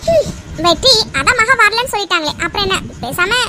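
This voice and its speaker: A woman's voice: very high-pitched, expressive, brisk, heavy background noise. A woman playing a sugary, flirty cartoon coworker.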